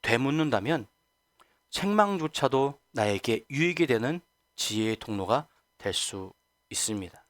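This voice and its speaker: A male pastor preaches a Sunday sermon in a church sanctuary, asking the congregation rhetorical questions and acting out quoted voices. His mid-range voice is fairly bright, recorded clean in a studio with no echo.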